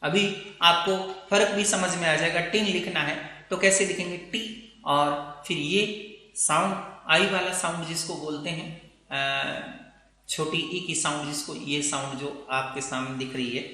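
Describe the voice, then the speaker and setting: A man's voice: on the high side, fairly even intonation, unhurried, bright, forceful tone. A man teaching phonetics. He explains step by step and keeps checking that the class follows him. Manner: explains step by step with frequent checks like "theek hai na". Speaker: English teacher. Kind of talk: phonetics lesson. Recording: echoey room with long reverb.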